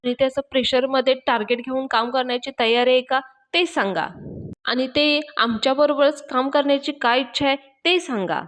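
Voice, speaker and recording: A woman's voice: high-pitched, moderate pace, fairly bright tone, pitched above the performer's own voice. A woman voicing a nervous, flustered older man who speaks in an anxious, stammering, pleading way.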